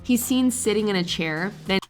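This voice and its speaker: A woman reading a scripted countdown narration in an even, measured way. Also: mid-range voice, soft background music.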